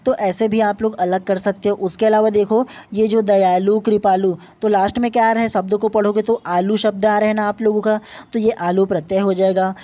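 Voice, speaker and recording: A woman's voice: mid-range voice, level tone, normal speed, hardly any pauses, mellow. A woman with a Chhattisgarh accent, teaching an exam-prep grammar lesson, patiently explaining and checking in with the class again and again. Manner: patient, repetitive explaining with tag questions. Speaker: Hindi language teacher.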